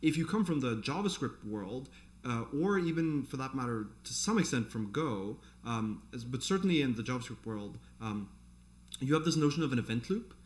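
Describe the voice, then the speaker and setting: A man's voice: mid-range voice, animated, normal speed. A man giving an informal programming tutorial, thinking aloud in a conversational way as he explains. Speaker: programming instructor. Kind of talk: informal live coding tutorial, explaining off the cuff.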